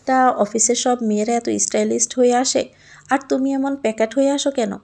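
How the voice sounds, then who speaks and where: A woman voicing an arrogant young male boss who gives curt, mocking orders, in a higher voice with a gravelly edge. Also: fairly even intonation, fairly quick, darkish tone. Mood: bossy. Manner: curt, commanding, sneering.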